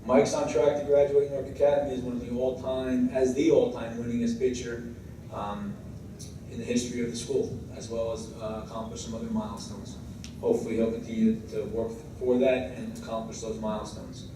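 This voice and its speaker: An American man, a head coach giving a semi-scripted tribute speech in a halting way, moving between read-out praise and informal asides. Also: mid-range voice, level tone. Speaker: high school baseball head coach. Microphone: distant microphone. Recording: very echoey room, distant mic, clear background noise.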